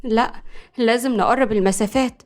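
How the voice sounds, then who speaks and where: A woman's voice: fairly high pitch, fairly quick, darkish tone, lightly acted. Woman doing a brash swooning Egyptian young woman. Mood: scheming. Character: lovestruck brash young woman obsessed with a footballer.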